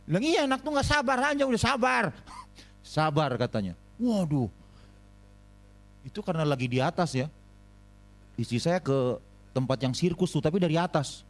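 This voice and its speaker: A man preaching a sermon as pastor, animated, swinging between high exclamations and low asides and calling on the congregation for amens. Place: church.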